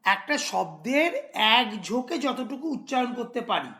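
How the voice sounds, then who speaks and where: A man's voice: very high voice, big pitch swings, moderate pace, pushed and bright. A man teaching a grammar lesson to school students, explaining patiently, repeating examples and checking if they follow.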